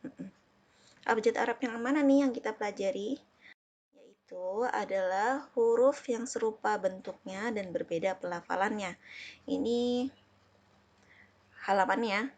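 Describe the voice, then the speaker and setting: A woman from Indonesia teaching an Arabic lesson, patiently repeating herself and slowly sounding out each example. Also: mid-range voice, darkish tone. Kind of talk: classroom lesson explaining letters.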